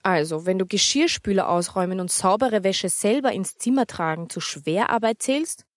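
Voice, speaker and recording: A woman voicing a patient mother who talks in a calm, firm, gently teasing way. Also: mid-range voice, moderate pace, dry recording, studio quality, natural voice.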